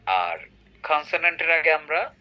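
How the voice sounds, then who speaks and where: A man's voice: a little high, sing-song, unhurried. A man teaching an English grammar lesson, often checking on his student with short tag questions. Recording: dull lo-fi recording.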